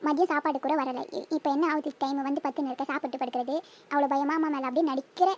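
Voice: high voice, fairly even intonation, quick pace, lightly acted. A voice actor playing a village mother in a cartoon, lecturing her children at length. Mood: scolding. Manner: scolding, lecturing. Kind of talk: cartoon voice acting.

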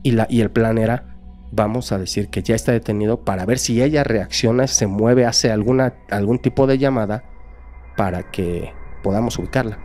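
A man's voice: on the low side, moderate pace, a little mellow, soft background music. A man with a Mexican accent, a podcast guest, earnestly telling a true crime case in casual talk and acting out the people in it. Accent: Mexican Spanish. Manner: earnest, acts out quoted voices in the story.

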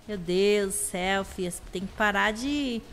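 A young woman with a Brazilian Portuguese accent, chatting casually through her own gameplay. Her voice is slightly hoarse, and she talks excitably with sudden high shrieks. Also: a little slow. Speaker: gameplay video host. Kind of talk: casual let's-play commentary.

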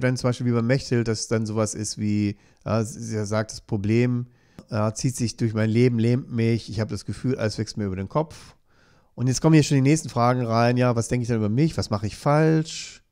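A man's voice: mid-range voice, fairly even intonation, a little fast, darkish tone, clean tone. Earnest man coaching on a live show. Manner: earnest, keeps adding questioning "ja?" tags. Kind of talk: live-stream coaching talk, reading viewer comments aloud.

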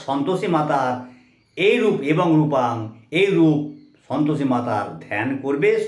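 A man teaching a religious lesson who chants Sanskrit mantras slowly, then explains them line by line and firmly corrects common mistakes. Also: mid-range voice, reverberant.

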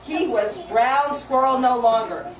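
Expressive woman reading aloud to kids. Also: high voice, unhurried. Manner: expressive, asks the audience questions. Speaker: storyteller. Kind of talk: reading a picture book aloud to children. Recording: echoey room, distant mic, background noise.

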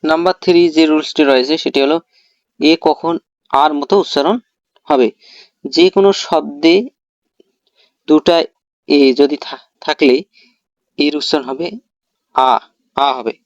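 Speaking at a measured pace with frequent pauses, a male English teacher delivers a pronunciation lesson, asking himself questions and answering them as he explains each rule in turn. His fairly high voice holds a steady tone. There is no echo, and the highs are cut off.

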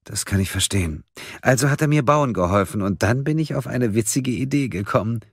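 A man voicing a deranged, gleeful woman kidnapper in an audiobook, with shrill giggling and sing-song menace. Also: a little fast, breathy edge, no room sound, studio quality. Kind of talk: audiobook character voice.

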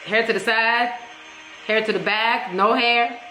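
A woman hosting a reaction video, chatty and animated, who breaks into excited squeals and sings along. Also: on the high side, unhurried. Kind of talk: casual reaction commentary. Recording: echoey room with loud music playing.

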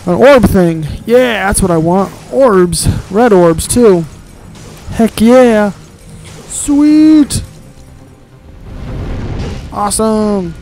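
A man's voice: high voice, darkish tone, low-quality recording. A man giving casual, grumbling let's-play commentary while he plays, with sarcastic asides and casual swearing.

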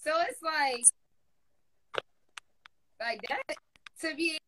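Young woman cohost, chatty, high bright voice, on a video call. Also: very slow, poor audio. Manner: chatty, laughs easily. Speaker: podcast co-host. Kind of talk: casual livestream chat.

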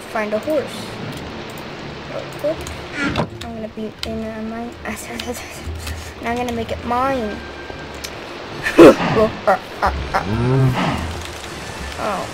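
A woman gives casual, unhurried commentary on her game, her fairly high voice dropping to quiet grumbles and then rising to loud shouts. Music plays clearly underneath her throughout. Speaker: gaming YouTuber. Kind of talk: casual let's-play commentary.

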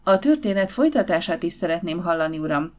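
A quick-tempered young Victorian lady, voiced by a woman reading an audiobook, demanding answers. Her delivery lifts and presses with indignation. The voice sits a little low for a woman. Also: big pitch swings, darkish tone. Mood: indignant. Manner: indignant, exclaiming.

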